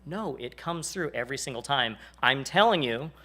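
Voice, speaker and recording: A man's voice: medium pitch, animated, moderate pace, pushed and bright. A man in his forties teaching a church class in a casual, jokey way, acting out the people he quotes.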